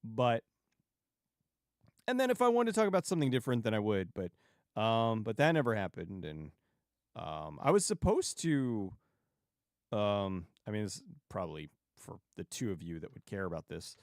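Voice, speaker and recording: A man hosting a livestream and chatting casually with viewers in a rambling, halting way, often restarting sentences and digressing. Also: on the low side, very animated, no room sound, studio quality. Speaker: YouTube livestream host.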